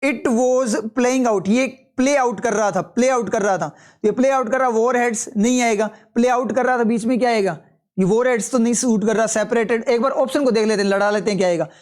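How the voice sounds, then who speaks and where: A man's voice: very high voice, fairly quick, darkish tone. A man teaching English for exam prep, going through test answers step by step and asking and answering his own questions, with Hindi explanations mixed with English terms. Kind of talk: live test solution walkthrough.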